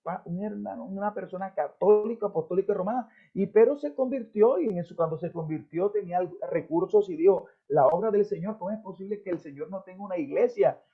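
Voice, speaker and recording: Brief: male pastor, high-pitched storyteller, tinny phone-like recording. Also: fairly quick, few pauses, husky. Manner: storytelling, quoting people in their own voices. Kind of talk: sermon with personal stories.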